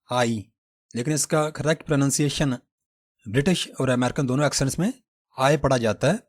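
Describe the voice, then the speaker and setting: Pakistani guy teaching english pronunciation, explains step by step, says the words slow and repeats them. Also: mid-range voice, darkish tone. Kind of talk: pronunciation lesson.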